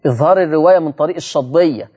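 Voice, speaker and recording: A man with an Egyptian accent teaching Quran recitation rules on a religious broadcast, repeating words slowly and asking his audience rhetorical questions. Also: on the high side, dark tone, breathy edge, lo-fi sound. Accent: Egyptian Arabic. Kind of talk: televised religious lesson.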